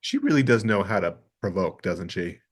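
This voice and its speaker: A man's voice: deep voice, big pitch swings, moderate pace, no room sound. Brief: male co-host, playful catty recap chat, very dry close mic. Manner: playful, catty, quotes characters in funny voices. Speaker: podcast co-host. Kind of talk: casual episode recap chat.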